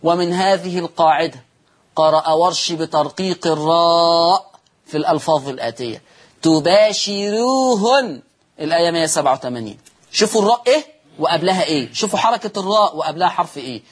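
A middle-aged Egyptian man teaching Quran recitation rules in a televised lesson. He asks questions, answers them himself, and stretches out the recited words slowly. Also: a little high, slightly rough. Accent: Egyptian Arabic.

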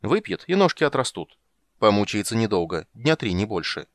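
Bossy loud prince, hot-headed, barking at everyone, dry close voice, as a man acts him. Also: lowish voice, sing-song, a little fast, no echo. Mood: blustering. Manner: blustering, barking orders. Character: hot-tempered lovesick prince, bossy and rude.

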